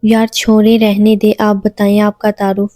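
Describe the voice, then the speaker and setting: A woman's voice: medium pitch, completely flat delivery, dark tone, no room sound, clean studio sound, faint music behind, close to an everyday voice. A teasing young woman on a train, as a woman reads her. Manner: teasing, familiar.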